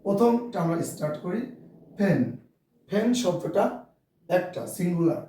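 A man's voice: high-pitched, moderate pace, warm tone, slight background noise. Echoey Bengali-accented male teacher. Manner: repeats "dear viewers", spells words letter by letter. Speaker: English teacher. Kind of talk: classroom lesson to camera. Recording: very echoey room, voice from far off.

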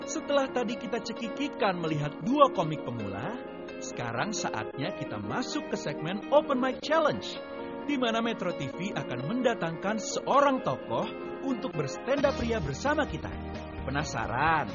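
A man's voice: sits high, huge pitch swings, normal speed. A man presenting a TV show segment in an upbeat, scripted announcer style. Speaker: show host. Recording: dull lo-fi TV broadcast. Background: loud music.

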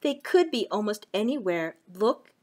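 A middle-aged woman hosting a children's puppet story time, reading a picture book in simple, clear phrases. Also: medium pitch, big pitch swings, moderate pace, darkish tone.

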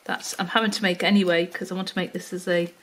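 An older woman, born in Wales, talks through a craft tutorial at her home table while an overhead camera shows only her hands. Her Wirral accent blends Welsh and Liverpool sounds, and her lowish, fairly flat voice moves fast, full of ums and asides to herself as she works. A little hiss or hum sits under the recording.

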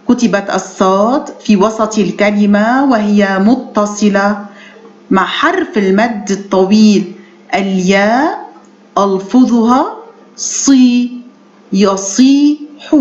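A woman teacher from Lebanon speaks slowly in a fairly high voice to young pupils. She spells out each sound with care and praises her own answers briefly. The recording is dull and lo-fi in an echoing room. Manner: slow, careful enunciation, drawing out example words. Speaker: primary school Arabic teacher. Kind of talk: recorded reading and language lesson for young children.

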